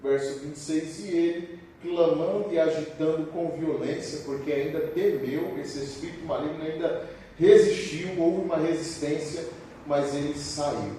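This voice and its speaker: A man's voice: measured pace, a little hiss or hum. A man preaching at a church service, reading scripture aloud and explaining it, acting out the quoted speech. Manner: animated, acts out quoted speech with sudden pitch jumps. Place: church hall. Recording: very echoey church hall, voice far from the mic.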